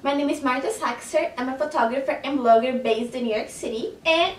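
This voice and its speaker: A young Brazilian woman with a Brazilian Portuguese accent chats to camera in a casual vlog, her high voice moving a bit fast. She laughs often and stresses words by repeating them, and the camera audio sounds roomy and slightly distant.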